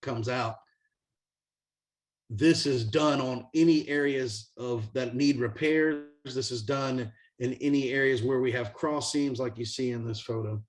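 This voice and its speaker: A man presenting technical slides on a video call, speaking haltingly and repeating words, while his connection breaks up and drops out. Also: medium pitch, recorded from a distance. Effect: call audio breaking up and dropping out. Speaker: contractor presenting on a webinar.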